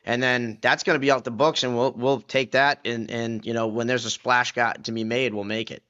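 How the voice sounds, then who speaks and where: A man's voice: mid-range voice, level tone, normal speed, a bit bright, smooth. A man co-hosting a sports podcast, talking in a loose, offhand, rambling way. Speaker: podcast co-host. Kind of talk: casual sports podcast chat. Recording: dull lo-fi mic.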